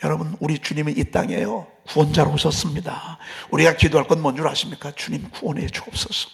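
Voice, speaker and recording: A man preaching an early-morning sermon in a church, impassioned, moving between loud cries and hushed whispers. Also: a little high, steady tone, a little fast, vocal fry. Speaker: pastor. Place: church sanctuary.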